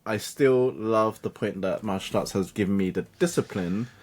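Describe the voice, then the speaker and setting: A man in his thirties, a native Cantonese speaker, tells his life story as an interview guest, animatedly acting out the voices of family and peers. His voice is fairly low with a breathy edge, at normal speed.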